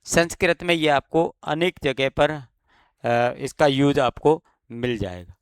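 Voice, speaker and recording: A man's voice: a little high, takes it slowly, clean tone, no echo. A man teaching an exam-prep grammar lesson with a slight Rajasthani Hindi accent, explaining step by step and answering his own questions.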